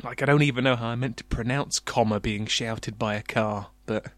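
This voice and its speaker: A man's voice: medium pitch, steady tone, normal speed, a bit bright, dry recording. A man hosting a comedy podcast, reading silly fan fiction aloud with a mock-dramatic delivery and frequent laughter.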